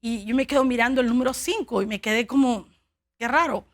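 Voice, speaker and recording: A woman from Cuba delivers a sermon, weaving in a personal testimony. She speaks in an earnest, halting way, restarting phrases often. Her voice sits a little high for a woman. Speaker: preacher.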